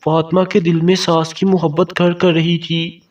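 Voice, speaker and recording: Male storyteller, higher voice, even and unvaried, muffled far-off recording. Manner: steady, even storytelling delivery. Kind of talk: scripted story narration. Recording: dull, distant mic sound.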